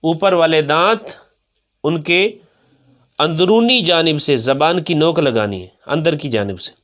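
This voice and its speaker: A man with a Pakistani Urdu accent teaching Quran pronunciation in a fairly high voice. He drills each syllable slowly and repeats it, asks questions and answers them himself. When he recites, he stretches out and intones the words. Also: lively intonation, a bit bright.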